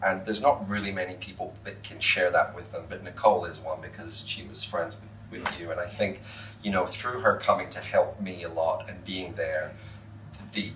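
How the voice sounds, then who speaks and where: A Scottish actor chatting as a guest in a casual interview, joking and self-mocking. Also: male voice, sits low, steady tone, moderate pace, a bit bright, far from the mic, slight background noise. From Scotland. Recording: roomy, echoey sound from off-mic.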